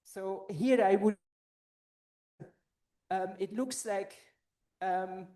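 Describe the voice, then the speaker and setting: A woman's voice: medium pitch, very slow, dark tone. A woman presenting at an academic conference, a little out of breath and explaining her points as she thinks them through.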